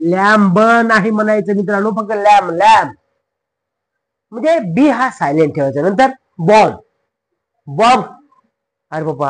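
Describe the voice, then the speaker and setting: High-voiced Marathi man teaching pronunciation. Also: low-quality recording. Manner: drills words by repeating them, scolds mistakes playfully; spells words out slowly, letter by letter. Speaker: English teacher. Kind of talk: classroom-style pronunciation lesson.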